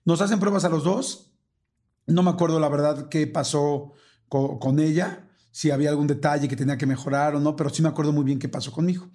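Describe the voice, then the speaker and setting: A man in his forties with a Mexican accent, hosting a casual podcast and telling a personal story with animated, acted-out dialogue. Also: fairly high pitch, a little fast. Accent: Mexican Spanish. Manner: animated, acts out dialogue in quoted voices. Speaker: podcast host.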